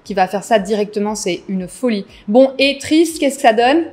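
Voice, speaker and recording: A woman's voice: a little high, animated, moderate pace, darkish tone. A woman hosting a casual business vlog, chatty and enthusiastic, piling on superlatives as she talks to her viewers. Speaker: business content creator host. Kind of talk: casual vlog talk to camera.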